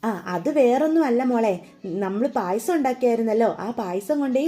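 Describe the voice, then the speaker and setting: A woman's voice: fairly high pitch, animated, fairly quick, mellow, faint music behind, lightly acted. A woman voicing a fond, doting older mother-in-law in a serial retelling, in an affectionate, fussing way.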